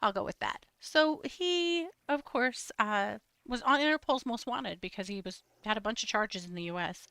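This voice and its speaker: Bright-voiced woman co-hosting true crime. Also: on the high side, animated, moderate pace, hardly any pauses, clean tone, dry recording. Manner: wry, sarcastic, laughs often. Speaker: true crime podcast co-host. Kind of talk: casual chat, live stream.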